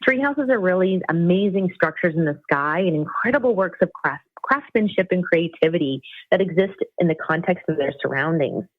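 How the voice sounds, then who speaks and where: A Costa Rican woman who runs a web agency explains her business steadily in an interview, answering questions. Her lowish voice is lively, at normal speed with few pauses, and comes over a tinny, phone-like, dry line with no room sound.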